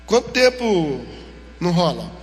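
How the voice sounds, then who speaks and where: A man's voice: high-pitched, a little slow. A man with a Brazilian Portuguese accent preaching a sermon in a church, acting out dialogue as he tells stories. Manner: animated storytelling, acting out dialogue. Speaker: pastor. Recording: long church hall reverb.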